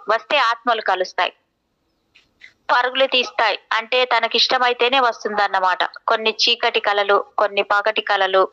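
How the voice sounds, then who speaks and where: A woman narrating a novel in the first person, with measured, reflective and poetic phrasing. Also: medium pitch, bright, forceful tone, clear, resonant tone, dull audio. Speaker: audiobook narrator.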